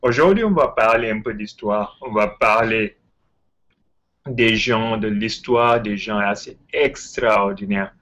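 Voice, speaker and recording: Male host, English-tinged French accent, unhurried, hesitant and eager, lower voice. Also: a bit bright, rough recording. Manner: hesitant, many fillers and repeats; enthusiastic. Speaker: history channel host. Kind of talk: casual spoken lecture. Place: Ontario, Canada.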